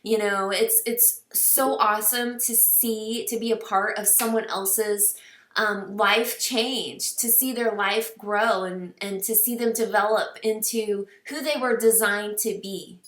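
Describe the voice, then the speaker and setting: A woman's voice: mid-range voice, fairly even intonation, slow, a bit bright, roomy sound, recorded from a distance. A woman in her thirties or forties, a team coach giving an earnest, encouraging recruiting talk with many fillers, getting teary at times. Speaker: fitness business team coach. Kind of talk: casual recruiting talk to camera.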